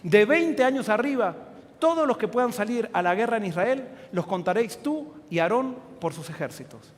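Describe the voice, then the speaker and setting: A male pastor preaching a sermon, telling a Bible story in a lively way, asking and answering his own questions. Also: sits high, moderate pace. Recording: long hall reverb.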